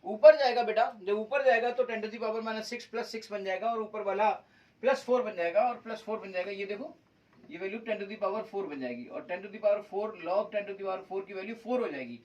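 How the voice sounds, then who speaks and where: A man's voice: high-pitched, moderate pace, darkish tone, distant mic, lo-fi sound. A male chemistry teacher lecturing at a board, mixing Hindi with English terms and calling his students "beta". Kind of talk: whiteboard lecture. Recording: voice from away from the mic.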